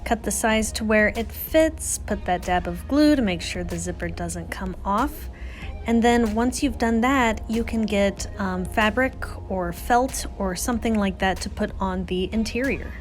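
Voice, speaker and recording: A woman voices a craft tutorial as its host, sounding casual, chatty and self-deprecating. She speaks at a medium pitch and measured pace, with music playing under her voice.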